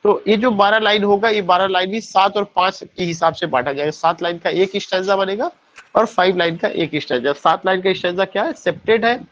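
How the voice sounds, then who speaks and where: A man's voice: sits high, fairly quick, a bit bright, lo-fi sound. A man teaching poetry terms in an exam-prep lesson, asking questions and answering them, spelling words out letter by letter.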